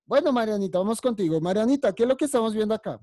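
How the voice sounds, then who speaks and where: A woman's voice: fairly high pitch, animated, rapid-fire, dark tone, no echo, studio quality. A woman teaching young children English vocabulary on a video call, patient and encouraging as she calls on each child by name. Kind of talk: online class teaching vocabulary.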